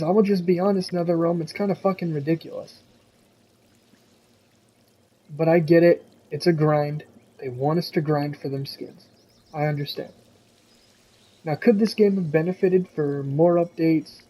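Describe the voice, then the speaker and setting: Young man, casual solo talk, frank and rambling, pitched a bit high, husky. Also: mellow, poor audio. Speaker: gaming commentator.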